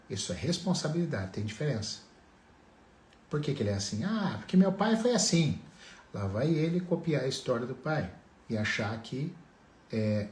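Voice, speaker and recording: A man speaks as a therapist giving a motivational talk, pressing his points with emphatic rhetorical questions to his listeners. His voice sits in a middle pitch range. The recording carries a noticeable room echo. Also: a little mellow.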